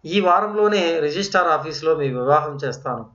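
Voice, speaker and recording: A man voices a principled older professor, firm and fatherly in every word. The voice sits a bit high. The recording is roomy and dull, like a lo-fi audio story. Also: animated, brisk, a bit bright.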